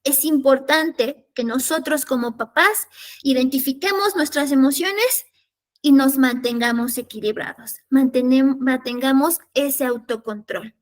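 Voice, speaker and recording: High-voiced woman leading a parenting workshop. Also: unhurried. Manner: explanatory, checks in with listeners through tag questions. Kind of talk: workshop lecture.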